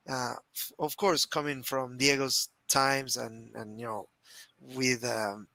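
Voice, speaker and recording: A man in his forties from Argentina, speaking with an Argentine Spanish accent, co-hosts a casual live stream through a video call headset in a small home room. His medium-pitched voice is bright and forceful, heartfelt and rambling, with no echo.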